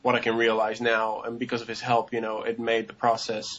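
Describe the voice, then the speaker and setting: A man's voice: mid-range voice, completely flat delivery, a little fast, fairly bright tone. Rambling young man, dull lo-fi audio. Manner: rambling, many fillers and restarts. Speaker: interviewee. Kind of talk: casual interview answers.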